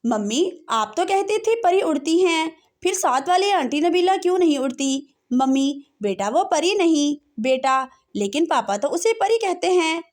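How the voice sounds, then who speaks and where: Female joke reader, high voice, quick setups and punchlines. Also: very animated, darkish tone. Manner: punchlines followed by canned laughter. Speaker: joke teller. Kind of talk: reading out short jokes.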